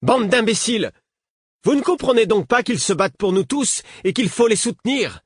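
A man's voice: mid-range voice, husky, dry recording, studio quality. A man voicing a proud, vengeful woman rebel who speaks sharply and defiantly in an audiobook.

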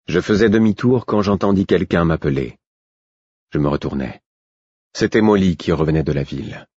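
A man narrating an audiobook in a measured first-person manner. His voice is very deep and husky, recorded dry and close with a slightly dull, lo-fi tone. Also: a little mellow, dry recording.

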